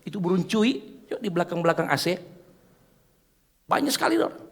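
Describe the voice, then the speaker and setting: A man preaching a church sermon, joking with the congregation and swinging from soft asides to loud exhortation. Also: high voice, expressive, brisk, creaky, breathy edge, in a large hall. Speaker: pastor.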